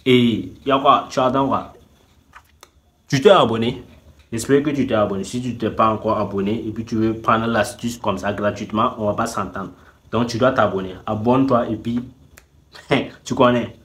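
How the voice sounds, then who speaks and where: A man's voice: on the low side, steady tone, moderate pace, a bit bright. A man hosting a casual tutorial, thinking aloud as he clicks through a website, repeating the same filler phrase and talking straight to his viewers. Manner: repeats "tout simplement" constantly; talks straight to viewers, teasing them to subscribe. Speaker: YouTube tutorial host. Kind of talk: casual screen-recording tutorial.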